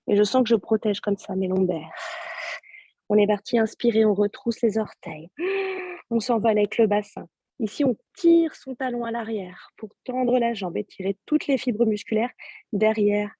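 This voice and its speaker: Woman, yoga teacher, soft-spoken, sore throat, mellow tone, dry video-call sound. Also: a little high, husky, dry recording. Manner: soft-spoken, calm step-by-step cues. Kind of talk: guided yoga class instruction.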